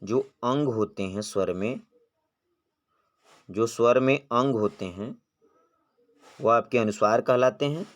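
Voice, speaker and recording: A man with a mid-range voice teaches exam-prep grammar at a slow pace, leaving long pauses. He asks questions, answers them himself, and draws out vowel sounds as he demonstrates them.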